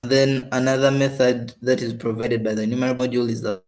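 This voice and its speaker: A man's voice: mid-range voice, little pitch movement, a little mellow. A man explaining a programming chapter to a study group over a video call whose audio keeps cutting out, leaving his words choppy and clipped. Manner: halting, trailing off mid-phrase. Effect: choppy dropping call audio, words cut off.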